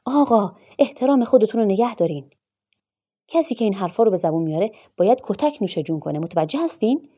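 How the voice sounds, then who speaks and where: A woman voicing a hot-tempered, offended rich gentleman in a storybook reading, shouting indignantly. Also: mid-range voice, animated, close to an everyday voice.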